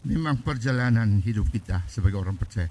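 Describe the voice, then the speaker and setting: A pastor preaching a sermon, telling a story and quoting the people in it. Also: male voice, on the low side, lively intonation, a little fast, darkish tone, a little hiss or hum, poor audio. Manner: storytelling, quoting people in their own voices.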